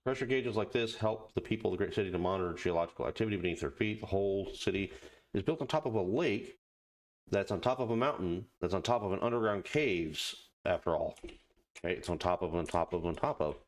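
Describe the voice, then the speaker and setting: A man giving casual let's play commentary, muttering halting asides to himself and reading on-screen text aloud. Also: low voice. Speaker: gaming video host.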